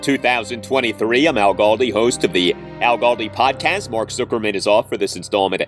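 A man hosting a sports podcast, delivering a recap monologue with emphatic, deliberate phrasing into a close microphone. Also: fairly low pitch, soft background music.

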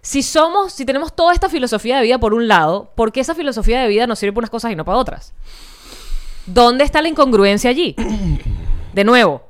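A woman's voice: on the high side, expressive, fast talker. A woman with a Venezuelan accent co-hosting a casual podcast, joking and teasing, dropping in English phrases. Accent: Venezuelan Spanish. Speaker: podcast co-host. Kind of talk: casual chat.

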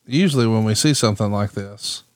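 A man's voice: on the low side, brisk, loud music behind the voice. A man co-hosting a podcast with casual banter, teasing, sarcastic and free with swearing. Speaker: podcast co-host.

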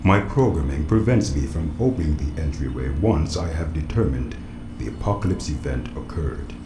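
A man playing a formal, measured android computer that runs a doomsday bunker, in an audio drama. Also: extremely low pitch, expressive. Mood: implacable. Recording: roomy echo, noisy background.

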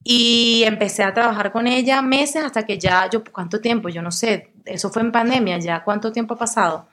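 A woman's voice: on the high side, normal speed. A young woman from Venezuela, a guest and actress, chatting casually in an interview and telling stories with quoted voices. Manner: lively storytelling, acts out quoted voices.

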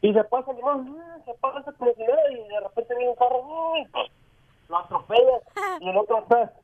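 A man's voice: very high-pitched, animated, a little slow, no room sound, narrow, tinny audio. Eager man telling a joke on radio. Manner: eager, laughs at own joke. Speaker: caller.

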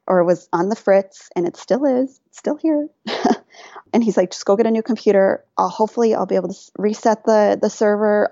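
A woman guest on a podcast telling a personal story in casual chat, animated, laughing often and quoting herself and others. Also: mid-range voice, no echo, highs cut off.

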